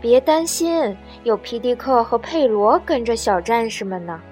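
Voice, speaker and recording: Woman doing a mother hen, calm, firm, reassuring, storybook. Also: fairly high pitch, a little slow, soft background music.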